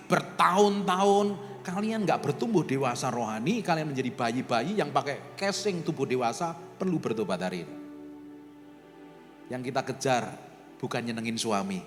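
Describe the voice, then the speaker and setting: A male pastor with an East Javanese accent preaching a lively sermon to his congregation, teasing them and acting out little quotes. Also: on the high side. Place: church service hall. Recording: reverberant church hall with music.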